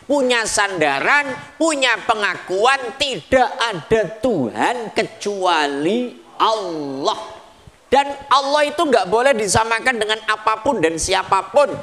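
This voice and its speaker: Bright high-voiced male preacher. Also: a little hiss or hum. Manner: lively, mixing regional phrases and acted prayers. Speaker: Islamic preacher. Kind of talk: sermon.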